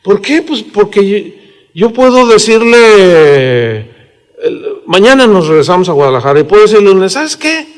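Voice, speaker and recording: A man in his sixties with a Mexican accent, preaching a sermon in a relaxed, conversational way, with fillers and tag questions. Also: sits high, normal speed, smooth. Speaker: pastor. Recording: reverberant hall.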